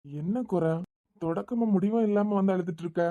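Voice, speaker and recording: A woman voicing a calm young husband with a Kanyakumari accent. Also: fairly low pitch, a little fast, phone-quality sound, lightly acted. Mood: concerned. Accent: Kanyakumari Tamil. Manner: soothing, questioning. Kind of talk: cartoon voice acting.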